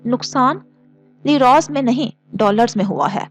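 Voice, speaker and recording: A woman's voice: a little high, lively intonation, a little slow. Woman voicing a teasing young man. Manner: teasing and playful. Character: mischievous, teasing young man, the hero's friend.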